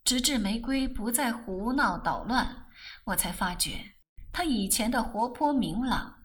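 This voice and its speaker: A woman narrating an audiobook novel in an expressive storytelling voice. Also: on the high side, a little slow.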